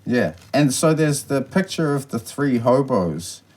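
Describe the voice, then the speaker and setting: A man's voice: mid-range voice, sing-song, a little slow, darkish tone. A man co-hosting a casual podcast, rambling through stories and swearing freely over a beer. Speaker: podcast co-host. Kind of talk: casual chat.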